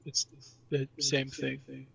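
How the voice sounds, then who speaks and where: A man playing a tabletop game, chatting casually with quick asides and apologies. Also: medium pitch, monotone, creaky, crowd noise. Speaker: player.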